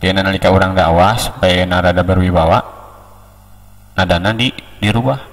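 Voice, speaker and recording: Deep-voiced Sundanese man teaching speech. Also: steady tone, long reverb tail, distant mic. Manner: slow, unhurried, with many pauses. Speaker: speech coach. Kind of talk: casual tutorial on preaching delivery.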